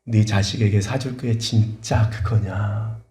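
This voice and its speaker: A pastor doing a stern, calm Lord who asks slow, probing questions in a lowered voice. The words land slowly and deliberately, ringing in an echoey church hall. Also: male voice. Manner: slow, low, pointed questions.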